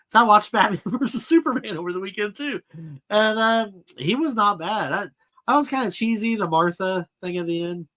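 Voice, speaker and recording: Man, casual host chat, bright forceful voice, slightly high, reads out viewer comments. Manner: casual, answers viewer chat aloud, drawn-out fillers. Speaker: toy collector channel host. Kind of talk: casual live-stream chat.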